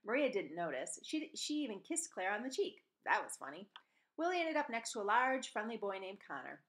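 With big swings in pitch, a mid-range voice, a brisk pace and a slightly bright tone, a middle-aged woman tells a children's novel aloud, changing voices for each bit of dialogue. She sits in a small room at home, picked up by a webcam or laptop mic about desk distance away.

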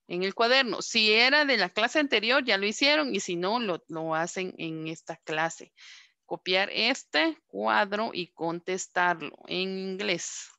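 A woman with a Guatemalan Spanish accent teaching an English class online. She asks questions and answers them herself, and she draws out English words slowly to model their sounds. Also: mid-range voice, gravelly, sharp tone, dry recording. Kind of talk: recorded online class lesson.

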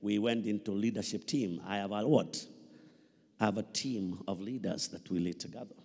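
A lowish voice with vocal fry, slightly rough yet a little mellow, carries this middle-aged Kenyan pastor's sermon at normal speed. Holding a microphone, he preaches with emphasis, repeating lines and asking questions for the crowd to answer. The audio has the reverb of a PA in a large indoor church hall.

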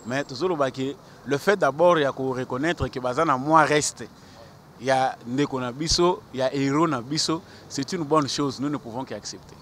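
On a bustling city square, an interviewer extends a handheld microphone to a man in his thirties from Congo (DRC), who replies in a mix of French and Lingala with a Congolese accent. His voice is medium-pitched and fairly bright, at a normal pace, earnest and combative, tripping over repeated words as he gestures. Faint traffic and street sounds linger behind him.

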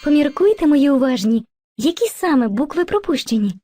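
A woman's voice: high-pitched, big pitch swings, a little fast, no echo, faint music behind. A woman voicing Movka, a kind female spirit of language who teaches and narrates patiently in an educational cartoon. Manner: patient, gently instructive, addresses children fondly.

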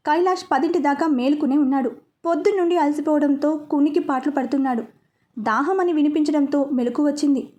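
Woman narrator, high voice, mellow tone, calm and measured story reading.

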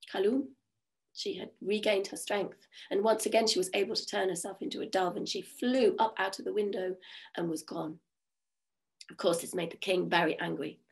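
A croaky-voiced woman with a mid-range voice shares a folk tale at an online event. Her telling is soothing, rhythmic and full of repetition.

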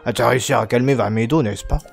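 A man's voice: medium pitch, fast talker, vocal fry, faint music behind. A man voicing a very old, grateful bird-man village chief from a game, in a solemn old man's voice. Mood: solemn, relieved. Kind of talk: reading game dialogue in character.

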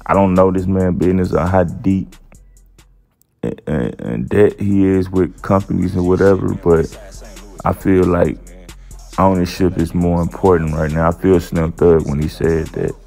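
Gravelly and very deep, a channel host's voice drifts along in a slow, easygoing drawl as he comments on a news article. He offers his own opinions casually and uses many fillers, with faint music underneath.

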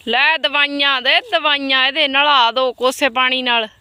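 A woman's voice: sits high, fairly even intonation, unhurried, pushed and bright, no echo. A woman with a rural Punjabi accent chatting casually in a homely, exclamatory, grumbling village way as she vlogs outdoors. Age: adult, mother of a child. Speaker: vlogger. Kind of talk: casual chat to camera and family during farm chores. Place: outdoors on a farm.

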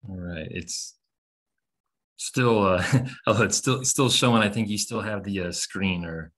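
A middle-aged American man giving an informal online lecture as a teacher trainer, with measured, emphatic delivery. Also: lowish voice, a bit bright. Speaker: webinar presenter and English teacher trainer. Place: indoors, on a video call.

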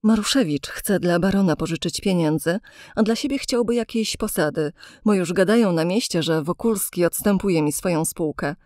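A woman's voice: on the low side, moderate pace, darkish tone, no echo, studio quality, natural voice. A woman voicing a sly male shop clerk who has grown arrogant, explaining himself coolly. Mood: smug.

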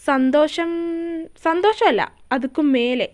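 A woman's voice: high-pitched, animated, slow pace, a little mellow. A woman voicing a young man in love who coaxes and teases in a story reading. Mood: coaxing. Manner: coaxing and teasing.

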